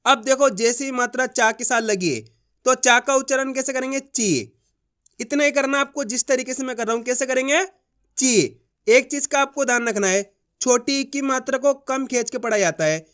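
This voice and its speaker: A man's voice: very high-pitched, a bit bright, smooth. Patient man sounding out syllables. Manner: slow, drawn-out syllable-by-syllable sounding out; repeats patterns and checks if students understand. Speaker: Hindi reading teacher. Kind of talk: online reading lesson.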